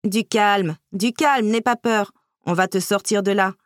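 A woman voicing a small, eager male mouse in a storybook reading, squeaky and quick. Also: dry recording, clean studio sound, lightly acted. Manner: squeaky, hurried.

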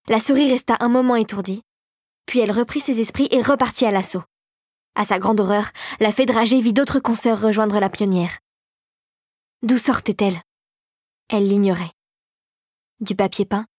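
A woman reading a fairy tale audiobook in measured, scripted narration with quiet tension. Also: mid-range voice, no room sound, clean studio sound.

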